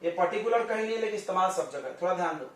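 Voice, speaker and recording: A male coaching-class teacher giving a chatty chemistry lesson, joking with his students and firing quick questions at them. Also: high voice, expressive. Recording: very echoey classroom, distant mic.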